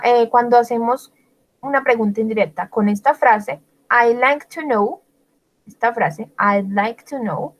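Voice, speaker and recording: Slow, patient bilingual woman teacher. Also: a little high, poor audio. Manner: explains patiently, switching between Spanish and English, many check-ins; slows down to read out example sentences. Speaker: English teacher. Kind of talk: bilingual grammar lesson.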